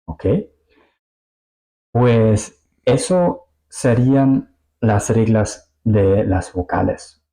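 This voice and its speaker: Slow, low-voiced German man teaching. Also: mellow, low-quality recording. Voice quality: non-native Spanish with small slips. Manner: slow, repeats example words carefully, checks with "ok?". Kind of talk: language lesson explanation.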